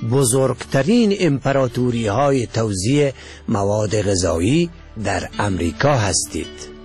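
A man's voice: mid-range voice, a little mellow, husky. A man with an Afghan Dari accent voicing an astonished male insurance agent asking questions in disbelief. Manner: incredulous questioning.

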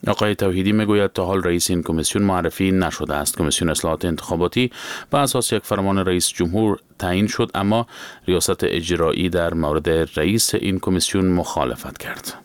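A man reading the news in a measured, formal way. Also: deep voice, dry recording. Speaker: newsreader. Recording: dry studio sound.

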